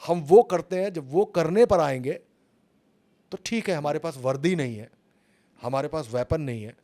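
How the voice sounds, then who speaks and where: A man's voice: on the high side, normal speed, mellow. Emphatic middle-aged man telling stories. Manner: dramatic, emphatic storytelling. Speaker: journalist and author. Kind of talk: storytelling interview talk.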